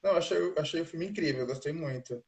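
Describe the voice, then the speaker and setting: Relaxed male interview host. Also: a little high, fast talker. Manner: relaxed, rambling questions with fillers. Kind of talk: casual interview.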